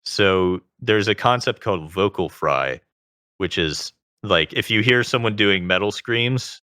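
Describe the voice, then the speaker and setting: A man with a very low voice that still has a bright, forceful edge. He is a guest in a casual interview. He talks at length, leaning on filler words as he explains. The sound is close and dry. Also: expressive, measured pace, dry recording. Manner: talkative, explains at length with lots of "like".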